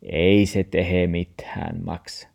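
A man voicing a calm, firm grandfather in his seventies or older in a storybook, speaking steadily and patiently with a Meänkieli accent. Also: sits low, vocal fry, full character voice. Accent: Meänkieli (Tornedalen). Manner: steady and patient, insisting gently.

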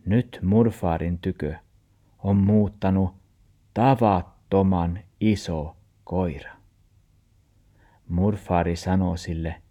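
A man with a Meänkieli accent reading a children's audiobook aloud in a calm, measured storytelling manner. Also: low-pitched. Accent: Meänkieli (Tornedalen). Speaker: audiobook narrator.

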